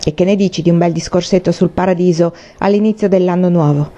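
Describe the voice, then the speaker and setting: A woman reading the part of a blunt, provocative man who booms and teases in an audiobook. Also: fairly even intonation, fast, warm tone, lightly acted. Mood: gruff banter. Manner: booming, teasing, blunt. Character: blunt loud provocative middle-aged man. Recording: dull lo-fi recording.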